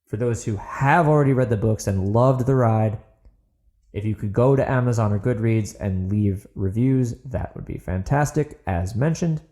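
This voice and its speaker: Here a podcast host dramatically narrates the novel he wrote, then wraps up with an eager, casual chat to his audience. His voice is medium in pitch and dark in tone, moving at a normal speed.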